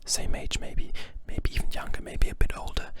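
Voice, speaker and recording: This English-language lesson comes from a German-accented native speaker of German who keeps to a gentle, patient whisper throughout, moving at a normal speed.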